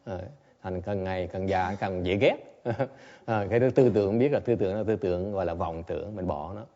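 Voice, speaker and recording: A man's voice: low voice, moderate pace, mellow, dull audio. A man teaching Zen meditation in a dharma talk at a temple, repeating each point in two languages with chuckling asides. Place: temple Buddha hall.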